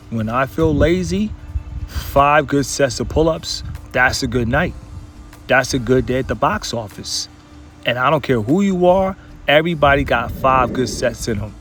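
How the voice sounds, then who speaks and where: A man's voice: medium pitch, fairly bright tone. Motivational male fitness vlogger. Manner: motivational, repetitive and emphatic. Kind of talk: workout vlog commentary.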